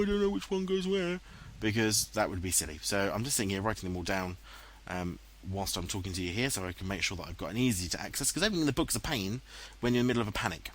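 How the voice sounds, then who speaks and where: His voice is on the low side yet fairly bright, with slight background noise in the recording. This English-accented man is a let's play commentator, casually joking at his own expense over his gameplay footage. He recorded the headset voice-over later in a room at home, and it was dubbed in post-production.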